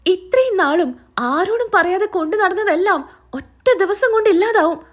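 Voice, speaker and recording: A woman's voice: very high-pitched, expressive, normal speed. A woman voicing a panicked, scheming middle-aged wife urging her husband to flee. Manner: urgent, scolding on the phone.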